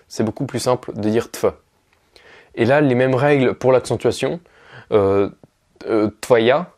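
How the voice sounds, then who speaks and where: In a casual video lesson, a man teaches Russian patiently and without hurrying, using lots of fillers as he spells words out. His voice is mid-range and a little mellow.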